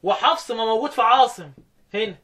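High-voiced Egyptian teacher drilling readings. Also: male voice, expressive, bright, forceful tone. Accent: Egyptian Arabic. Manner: quizzing, repeats answers, drills phrases slowly. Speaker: Quran recitation teacher. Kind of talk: teaching the variant readings with call and response.

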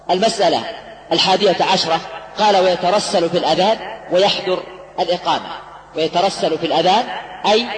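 A man teaching a methodical lesson to students, explaining point by point and pausing to put questions to the class. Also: sits high, a bit bright. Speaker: religious teacher. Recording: echoey hall with long reverb.

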